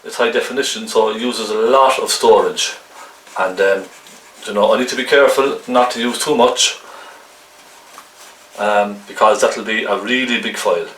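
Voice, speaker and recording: Gentle male painting instructor, roomy distant recording. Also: fairly low pitch, steady tone, moderate pace. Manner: gentle, chatty, coaxing, with check-in tag questions. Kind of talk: casual hands-on painting tutorial. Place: indoor room, painting at a canvas. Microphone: camcorder at a distance. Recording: roomy, distant camcorder mic, faint noise.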